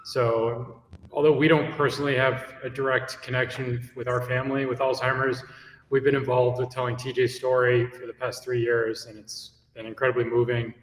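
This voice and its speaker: A man's voice: medium pitch, flat delivery, normal speed, echoey room, in a large hall, rough recording. A man, a documentary filmmaker, introducing himself casually on a panel.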